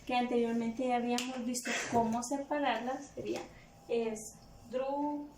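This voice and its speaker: A woman's voice: a little high, level tone, a little fast, distant mic. A woman teacher with a Guatemalan Spanish accent, patiently explaining a grammar review lesson to young pupils step by step. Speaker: primary school teacher. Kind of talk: recorded remote review lesson for children. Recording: echoey room, faint background noise.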